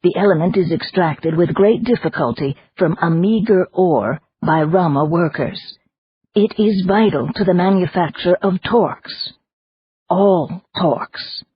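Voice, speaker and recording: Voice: mid-range voice, a little slow, slightly rough. A narrator voicing a scheming elderly woman leader who speaks formally and precisely, in an audiobook. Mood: explaining. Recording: dull lo-fi audiobook recording.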